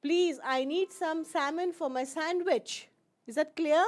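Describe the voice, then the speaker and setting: A middle-aged woman with an Indian English accent teaches pronunciation in a high voice, speaking extremely slowly. She mixes Hindi and English, explaining patiently, repeating each word and asking "fine?" to check that her students follow.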